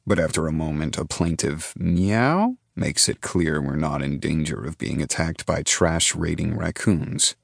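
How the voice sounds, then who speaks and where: A man's voice: rumbling low, animated, unhurried, gravelly, hardly any pauses, breathy edge, dry recording. A man narrating a first-person audiobook in a dry, laid-back storytelling manner.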